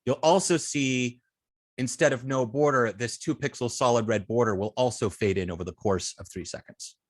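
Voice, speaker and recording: A web design instructor with a mid-range voice teaches an informal hands-on coding lesson at normal speed. He thinks aloud hesitantly, often trailing off mid-sentence, and the recording is dry.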